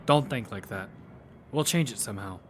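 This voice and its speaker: This is first-person audio fiction with music underneath: a man voicing a determined hero tells of his survival in a plain, matter-of-fact manner. His lowish voice, close to everyday speech, has lively intonation and normal speed, and there's slight hiss or hum.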